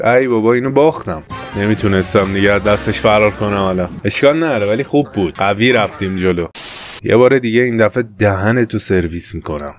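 A young man giving casual let's-play commentary, excitable and trash-talking, his voice jumping up when he panics. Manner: excitable, trash-talks the game character, jumps high when panicked. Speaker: gameplay commentator. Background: faint game music.

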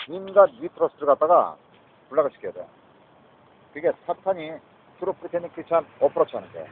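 A man talking to his viewers in a rambling monologue, mixing English words in and often tossing out a questioning "eh?". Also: fairly high pitch. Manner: rambling, mixes English words into Korean, keeps asking "eh?". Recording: tinny phone-like audio with faint noise.

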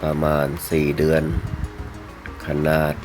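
A man presenting items for sale in a video, speaking politely in short, halting phrases over music. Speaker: fish seller presenting betta fish for sale. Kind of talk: unhurried sales video narration. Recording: music playing behind the voice.

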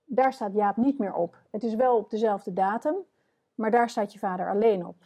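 A woman's voice: medium pitch, moderate pace, dark tone, slightly rough. A woman interviewing an elderly eyewitness on stage, guiding the talk with many fillers. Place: stage before a live audience.

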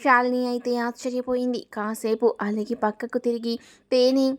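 High-voiced woman narrating a story. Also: level tone, moderate pace. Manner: reads all dialogue in her own narrating voice; breaks off to ask viewers for likes.

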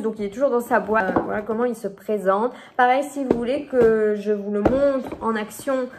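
A woman's voice: fairly high pitch, darkish tone. A young woman from France presenting her beauty haul in a casual, chatty vlog, hesitating often and restarting her sentences. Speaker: beauty vlogger.

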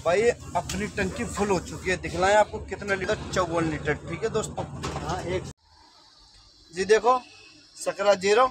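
Pausing often at a normal speed, a man in his thirties with a high voice talks to his phone camera, held at arm's length, as he drives a truck. The noisy clip is a chatty travel vlog shot outdoors at roadsides and highway stops, where he keeps saying "brother" and "friends."

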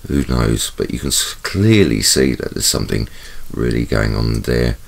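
Stuffed up and congested, this man runs his own channel and chats over camera footage, repeating words to stress them. He has a very deep, animated voice with vocal fry and speaks at normal speed.

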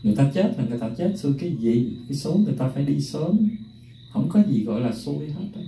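A man's voice: fairly high pitch, animated, quick pace, mellow. A middle-aged man, earnestly telling personal stories and addressing his viewers directly. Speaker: music teacher sharing personal stories. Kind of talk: emotional personal talk to viewers. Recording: roomy echo, distant mic, faint noise.

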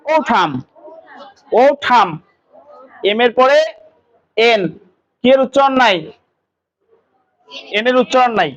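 A man's voice: very high-pitched, a bit bright, muffled recording. Man teaching pronunciation. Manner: quizzing students with quick questions. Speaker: English teacher. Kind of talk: classroom pronunciation lesson.

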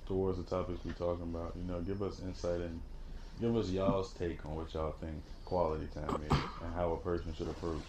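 A young man in his twenties co-hosting a podcast, signing off in relaxed slang. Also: low-pitched, a little fast, very noisy. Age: 20s. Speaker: podcast co-host. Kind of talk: casual chat, show sign-off.

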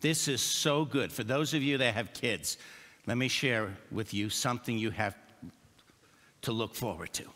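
An older male pastor delivers a joking, story-filled sermon. His voice is lively and bright, with a slightly high pitch, and it rings out with long reverb in a church sanctuary.

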